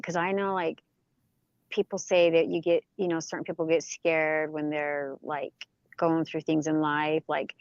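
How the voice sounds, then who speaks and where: A woman's voice: low voice, no room sound. A woman calling in over her car's Bluetooth from a parked car, chatting casually with a rambling, filler-filled way of talking. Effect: car Bluetooth phone call audio. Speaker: caller joining a livestream. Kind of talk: casual chat. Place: parked car in a school parking lot. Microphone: car Bluetooth hands-free. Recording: dull lo-fi call line, dry.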